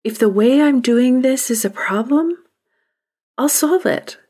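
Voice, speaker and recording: A woman hosting a podcast, speaking a reflective monologue in a deliberate, emphatic way that sometimes drops to a whisper. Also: high-pitched, animated, dark tone, husky. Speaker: podcast host.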